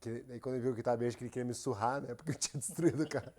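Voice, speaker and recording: A man from who runs a company, speaking as a podcast guest in a relaxed, halting way with many restarts. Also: medium pitch, slight background noise. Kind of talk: casual interview.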